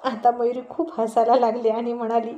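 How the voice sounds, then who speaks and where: A woman narrating a romantic family story in a gentle, unhurried way. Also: on the high side, level tone, highs cut off.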